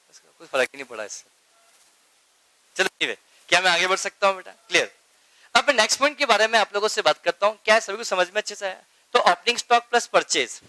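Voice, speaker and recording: A man's voice: high-pitched, pushed and bright, no room sound, poor audio. A man teaching an accounting class, repeating key terms and checking again and again that his students follow along. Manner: keeps asking students if they follow, calls them beta; mixes Hindi with English accounting terms. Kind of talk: classroom lecture.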